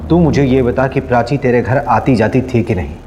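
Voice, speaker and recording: An actor playing a stern middle-aged police inspector questioning a suspect in a crime TV drama. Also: male voice, mid-range voice, moderate pace, background noise, natural voice. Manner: stern, gruff interrogator. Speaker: police officer, father.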